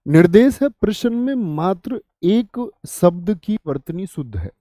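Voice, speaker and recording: A man's voice: high-pitched, big pitch swings, unhurried, mellow, no room sound, clean studio sound. A man teaching a Hindi grammar lesson for exam prep, asking questions and answering them himself, calling his students brother and friend. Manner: addresses students familiarly, 'bhai sahab', 'dost'.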